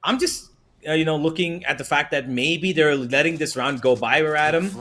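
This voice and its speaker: A man working as an esports caster, giving live play-by-play on a shooter match in an excitable, urgent manner. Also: fairly high pitch, moderate pace. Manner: excitable, rising urgency in action.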